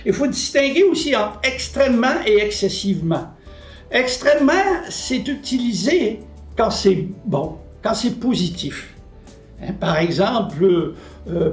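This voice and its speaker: A man's voice: sits high, roomy sound. A man giving a short lesson on correct word usage, explaining with examples and answering his own questions. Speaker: French language columnist.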